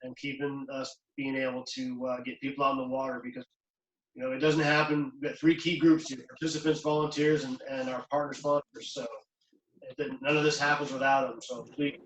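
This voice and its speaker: A man's voice: mid-range voice, little pitch movement, brisk, fairly bright tone, highs cut off. A man hosting a charity video call, talking loosely with many fillers, out near the water. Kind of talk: casual closing remarks on a video call. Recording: echoey, distant from the mic.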